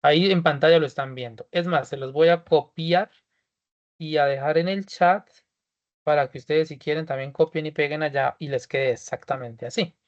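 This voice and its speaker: A man's voice: a little high, moderate pace, dull audio. A male teacher from Colombia walking students through a form in an online class, repeating each step and checking that everyone is ready.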